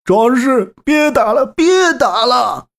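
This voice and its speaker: A man voicing a terrified male bandit in an audiobook, pleading in a high, strained voice. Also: expressive, slow, vocal fry, exaggerated voice. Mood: panicked begging. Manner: pleading, high-pitched, shouting.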